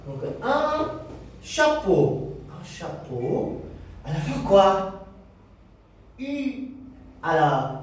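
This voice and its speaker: Man, children's teacher: unhurried, singsong delivery in a reverberant classroom. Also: sits high, a little mellow. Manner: slow and drawn out, acting out the pupils' answers himself. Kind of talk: French lesson for children. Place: classroom with whiteboard. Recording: echoey room, mic far off.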